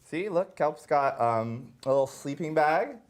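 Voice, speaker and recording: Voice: medium pitch, lively intonation, unhurried. A campy, playful, theatrical drag queen hosting a story hour, bantering and reading to an audience of children. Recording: crowd noise of a live audience.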